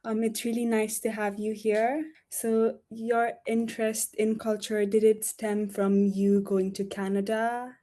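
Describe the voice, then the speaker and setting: A young adult woman, a student, asking interview questions gently, often opening with "um" and answering with short "yeah"s. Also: on the high side, level tone, unhurried, few pauses.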